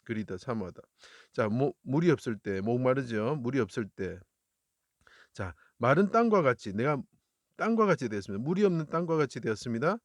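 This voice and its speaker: A man's voice: medium pitch, animated, brisk, no room sound. A man from Daegu explaining Chinese characters in Bible verses, earnest and repetitive, lifting his voice when he quotes scripture. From Daegu, South Korea.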